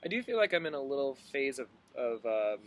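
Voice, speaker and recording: A man's voice: medium pitch, a little fast, slight background noise. A young man from Maine chatting playfully as a guest in an interview. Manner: playful, joking, relaxed. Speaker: guest singer-songwriter. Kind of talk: casual interview chat.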